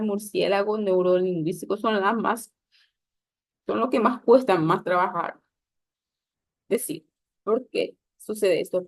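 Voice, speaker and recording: A woman's voice: mid-range voice, dry recording. Woman teacher, instructive lesson read aloud with small slips, dry close recording. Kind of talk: reading a public speaking lesson.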